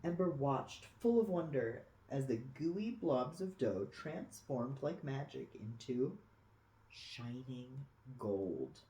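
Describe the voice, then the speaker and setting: A storybook reader with a warm, mid-range voice reads a picture book aloud to children, expressively adding dramatic pauses and cooing asides. The recording comes from an echoey room.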